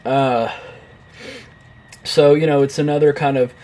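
A man's voice: medium pitch, level tone, unhurried, warm tone. Rambling man co-hosting a film chat. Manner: rambling, many fillers and restarts; blunt, swears casually. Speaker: podcast co-host. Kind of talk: casual film discussion.

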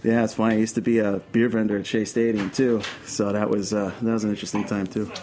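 Speaking with a Brooklyn New York accent, this Queens-born documentary filmmaker chats as an interview guest in a low voice with little pitch movement. His anecdotes come out haltingly, with repeated phrases. A crowd is audible in the background, along with clear noise and room ambience.

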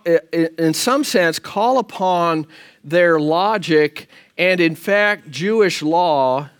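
A man teaching a church Bible class in an easy, conversational way, often checking in with the room. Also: a little high. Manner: animated, chatty, often asks "right?". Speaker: pastor leading a Bible class.

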